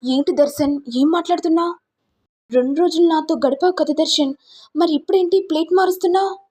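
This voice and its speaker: A woman's voice: very high voice, warm tone, pitched above the performer's own voice. A woman voicing a manipulative young woman who insists a man must marry her. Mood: insistent. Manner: insistent, quick.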